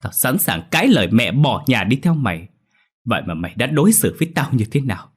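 A man's voice: mid-range voice, big pitch swings, a little fast, slightly rough, pitched above the performer's own voice. A man voicing an enraged, betrayed young husband who roars accusations. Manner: roaring with anger.

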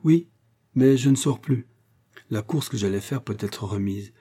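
A man reading aloud, voicing a lively young Parisian woman with bright, excited exclamations. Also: medium pitch, unhurried, natural voice. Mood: eager.

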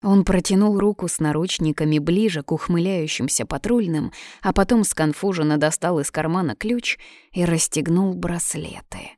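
Woman narrating an audiobook, lively. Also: lowish voice, moderate pace, dry recording, clean studio sound. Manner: lively, dramatic delivery. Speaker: audiobook reader.

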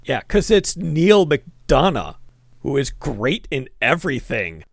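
Gravelly man chatting about movies. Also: medium pitch, very animated, takes it slowly, dry recording, clean studio sound. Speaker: podcast co-host. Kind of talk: casual movie-review chat.

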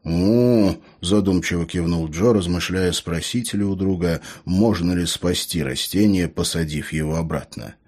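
Low-voiced male audiobook narrator. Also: normal speed, hardly any pauses. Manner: expressive storytelling. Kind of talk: scripted narration.

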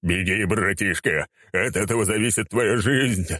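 A man voicing a theatrical, boastful male necromancer who draws his words out slowly. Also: low-pitched, sing-song, dry recording, clean studio sound, heavily acted. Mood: dramatic. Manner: slow drawling bombast.

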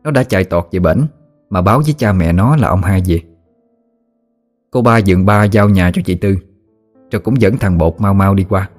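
Nam kể truyện giọng miền Nam trầm. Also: male voice, low voice, normal speed, long pauses, soft background music. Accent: Southern Vietnamese. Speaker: storyteller. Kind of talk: audiobook narration.

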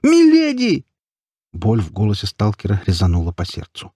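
Low, breathy male narrator, steady first-person audiobook reading, dry booth sound. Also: normal speed, no room sound.

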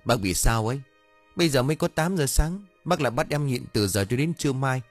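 A man's voice: mid-range voice, lively intonation, fairly quick, soft background music, voice pushed up, lightly acted. A man voicing a cheeky, greedy young man who whines and complains. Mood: whiny cheeky. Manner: whining, complaining, mocking.

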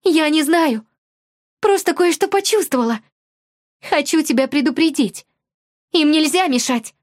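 A woman's voice: high-pitched, measured pace, no room sound, clean studio sound, voice pushed up. A woman voicing a young woman who dabbles in magic, speaking in an urgent, pressing way in an audiobook. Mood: ominous. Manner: urgent, pressing, growing menacing. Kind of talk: audiobook character voice.

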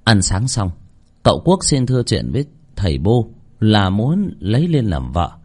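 A man narrating a folk tale aloud, in an expressive storytelling manner. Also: lowish voice, normal speed, slightly rough.

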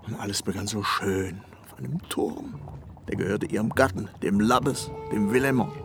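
An actor playing Goethe as an ageing, opinionated, self-important poet on a coach journey, musing and grumbling aloud in a Hessian accent in a radio drama. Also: male voice, lowish voice, moderate pace, lightly acted. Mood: wistful. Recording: music behind the voice.

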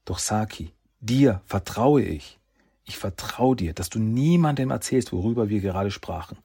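Ein Mann spricht einen ruhigen jungen Ninja. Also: male voice, lowish voice, normal speed, gravelly, husky, voice pushed up, exaggerated voice. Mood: confiding. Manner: calm, gentle, warm. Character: calm young ninja, protective older brother.

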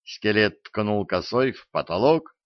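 A man reading a fantasy audiobook in a measured, expressive narration, in a dull, dry recording. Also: fairly low pitch, no echo.

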